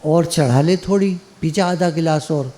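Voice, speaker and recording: A man's voice: a little high, moderate pace, mellow, lightly acted. A man voicing a group of teasing friends who mock a drunk. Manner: sly, mocking. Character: four teasing pranking male friends.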